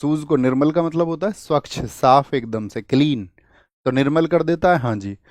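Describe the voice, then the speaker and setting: A man's voice: on the high side, normal speed, darkish tone, no echo. A young man teaching an online exam-prep class, asking his students questions and answering them himself, repeating key words to make them stick. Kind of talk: online lecture with memory tricks.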